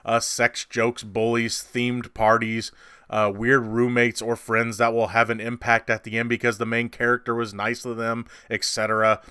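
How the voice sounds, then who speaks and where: A man's voice: medium pitch, completely flat delivery, moderate pace, pushed and bright, clear, resonant tone, no echo, studio quality. A man hosting a casual movie review, rambling and conversational with many fillers and restarts, and sarcastic at times.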